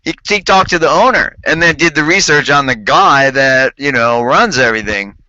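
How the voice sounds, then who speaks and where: Bright, dry-sounding male talk host. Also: a little high, moderate pace, no room sound, dull audio. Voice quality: bright, animated storytelling with many restarts. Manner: quotes others in acted-out dialogue, laughs often. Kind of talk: casual chat.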